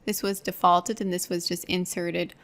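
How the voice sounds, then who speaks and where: A woman's voice: lowish voice, flat delivery, normal speed, a bit bright. Patient woman teaching a screen tutorial. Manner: patient step-by-step explaining. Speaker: online course instructor.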